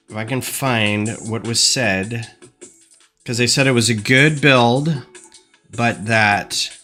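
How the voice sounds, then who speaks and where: Bright and forceful in a mid-range voice, a man with a stuffed-up nose rambles and thinks aloud during a casual livestream chat. He's a LEGO designer at his home desk using a desk microphone, with faint music playing behind.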